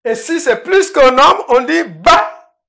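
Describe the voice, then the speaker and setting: A middle-aged man teaching a language lesson, first scolding his students and then explaining words, repeating them slowly. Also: very high-pitched, animated, gravelly, pushed and bright. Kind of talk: lecture-style language lesson. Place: indoor room, filmed by a cameraman.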